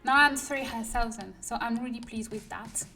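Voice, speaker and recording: Her voice sits on the high side, gravelly and bright with a forceful tone, at a moderate pace. She's a French-accented woman from France chatting casually on a livestream while working, frequently muttering or whispering, recorded from a distance with music in the background.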